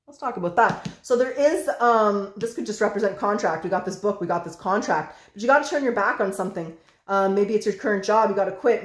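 A woman giving a casual tarot reading, chatty and excitable, who swears freely. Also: medium pitch, reverberant. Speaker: tarot reader.

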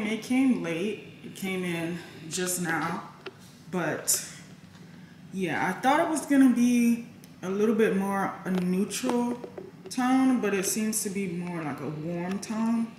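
A woman's voice: medium pitch, echoey room, a little hiss or hum. A young woman, chatting casually to her viewers in a home vlog. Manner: chatty, addresses viewers as "y'all". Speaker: vlogger. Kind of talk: casual vlog chat to camera.

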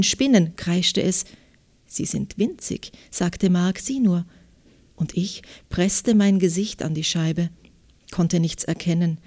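A woman author with an Austrian German accent, answering interview questions and reading from her novel in a measured, thoughtful way. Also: on the low side, a little mellow. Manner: measured, thoughtful, reflective pauses.

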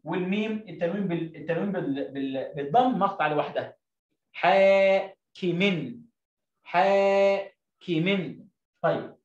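A man's voice: fairly high pitch, lively intonation, recorded from a distance. A man with an Egyptian accent teaching an Arabic reading lesson, stretching words out syllable by syllable. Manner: drawn-out syllable-by-syllable drilling. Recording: roomy, dull lo-fi sound.

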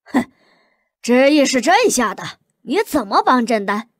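A woman voicing a hot-tempered middle-aged male emperor who shouts at his sons, in an audiobook. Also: high voice, sing-song, measured pace, no echo, studio quality, heavily acted. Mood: furious. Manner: shouting, furious, blustering. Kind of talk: audiobook character voice.

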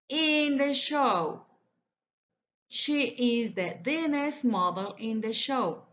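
Slow, deliberate woman teacher. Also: fairly high pitch. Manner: slow, deliberate, repeats example sentences. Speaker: English teacher. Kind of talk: recorded classroom lesson. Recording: dull lo-fi audio.

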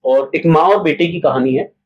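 A theatre director and playwright speaks casually in an interview, bringing his stories to life by acting out little examples. His fairly high voice moves at a moderate pace. The recording is muffled, with a little hiss or hum.

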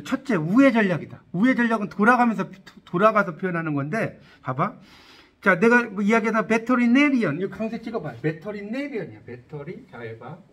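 High-voiced man giving a lively lecture. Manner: lively, asks students questions, jokes. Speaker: English teacher and author. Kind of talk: classroom-style lecture.

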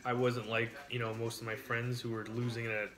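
A man's voice: mid-range voice, monotone, a little fast. A man in his thirties chatting casually on a live stream at his kitchen table while eating, crude and joking, reading out viewer names. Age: 30s. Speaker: mukbang streamer. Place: home kitchen at a dining table.

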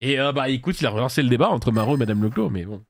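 A man streaming a video game live, chatting casually with viewers and reacting loudly as he plays, laughing often. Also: mid-range voice, expressive, rapid-fire, no echo. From France. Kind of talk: casual live gameplay commentary.

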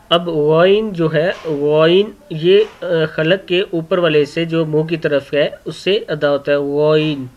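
Male teacher, unhurried, drills each sound for young pupils; muffled lo-fi sound. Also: fairly high pitch. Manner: repeats each sound many times, clears throat often. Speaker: Quran reading teacher. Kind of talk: slow letter-by-letter lesson for children. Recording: dull lo-fi recording.

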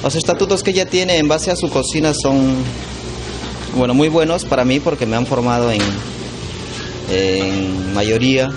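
A man's voice: medium pitch, moderate pace, noisy background. A young man, a cook, interviewed in a restaurant kitchen on a handheld mic, speaking hesitantly and repeating words. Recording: loud music under interview.

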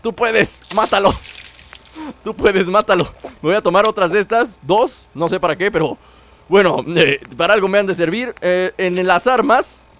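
A young man giving jokey let's-play commentary, talking straight to his viewers and yelling when startled. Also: high-pitched, lively intonation, moderate pace. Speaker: gaming YouTuber.

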